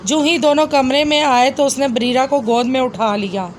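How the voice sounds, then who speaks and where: A woman storyteller narrating a scripted story in a steady, dramatic way. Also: sits high, moderate pace, slight background noise.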